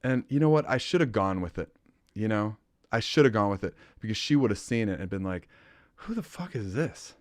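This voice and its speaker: A man hosting a podcast in casual chat, an animated storyteller who swears and laughs often. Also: fairly low pitch, a little fast, no echo, studio quality. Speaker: podcast host.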